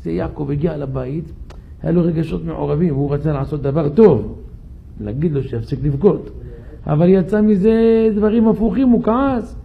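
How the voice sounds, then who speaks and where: A man's voice: on the high side, creaky, phone-quality sound. A man, a rabbi, telling a story in a synagogue sermon and questioning his listeners. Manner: animated, questions the audience.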